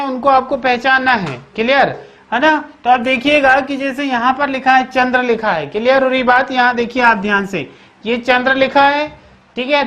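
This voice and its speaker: A woman teaching an exam-prep grammar lesson. She keeps checking in with the class, asks questions and answers them herself, and repeats key words slowly. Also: high-pitched, fairly bright tone.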